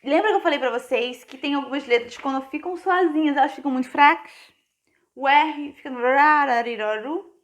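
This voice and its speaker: A Brazilian woman teaching young children in a remote class, encouraging and sing-song, checking in with quick tag questions. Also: high-pitched. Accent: Brazilian Portuguese. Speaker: primary school teacher.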